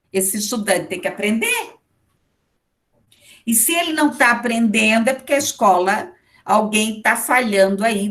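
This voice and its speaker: A woman's voice: mid-range voice, fairly bright tone. A middle-aged woman with a Brazilian Portuguese accent, giving a casual lecture and checking in with her class after every few phrases. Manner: conversational, with frequent check-in tags to the class. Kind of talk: online lecture.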